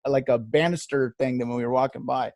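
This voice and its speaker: A man's voice: medium pitch, steady tone, quick pace, darkish tone, dry recording, clean studio sound. A man in his thirties, a podcast co-host telling rambling, profane stories in casual chat. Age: 30s.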